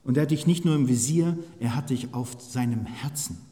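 A man preaching a sermon with fervor, speaking directly to his listeners and swinging between hushed and loud passages. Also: medium pitch, brisk. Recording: long hall reverb.

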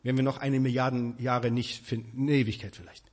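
A man preaching a sermon, addressing his congregation directly with emphatic, animated delivery. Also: mid-range voice, brisk.

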